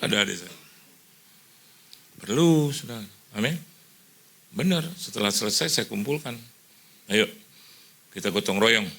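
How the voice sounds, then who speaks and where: A middle-aged Indonesian man preaching a sermon as pastor in a church hall, telling stories with lively delivery, slipping in English phrases and acting out the voices he quotes. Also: lowish voice, measured pace, creaky, long pauses.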